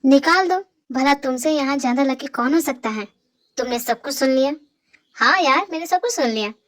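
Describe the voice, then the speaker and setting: A woman's voice: sits high, moderate pace, lightly acted. A woman voicing a chatty, teasing young man friend in an amateur fan dub.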